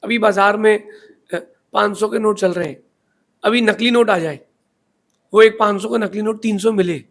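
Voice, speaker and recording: A man's voice: high voice, normal speed, fairly bright tone. A man giving a sermon in a preachy storytelling manner, asking rhetorical questions as a spiritual teacher.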